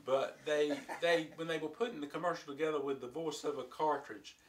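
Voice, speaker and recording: A man, recalling the past slowly with many pauses and fillers. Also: a little high, fairly even intonation, a little hiss or hum. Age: 50s. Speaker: interviewee, old friend. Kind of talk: casual reminiscing. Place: living room indoors.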